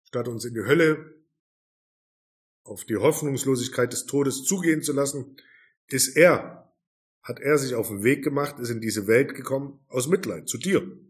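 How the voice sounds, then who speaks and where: A man's voice: medium pitch, moderate pace. A man preaching a sermon, earnest and emphatic, with rhetorical questions. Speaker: pastor.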